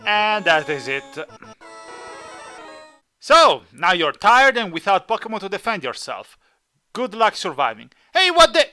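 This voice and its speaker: A man's voice: sits high, sing-song, a little slow, pauses often, pushed and bright, soft background music. A man hosting a gaming video with casual, playful commentary, teasing the characters as he plays. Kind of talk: casual Let's Play commentary.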